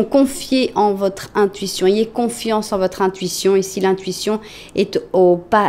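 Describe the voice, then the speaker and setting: A chatty woman talks her viewers through a tarot reading, speaking to them directly. Her voice sits at an ordinary middle pitch. She keeps her delivery loose and reassuring, full of little fillers and restarts. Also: a little hiss or hum. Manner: chatty, warm-hearted, with frequent fillers and self-corrections. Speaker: tarot card reader.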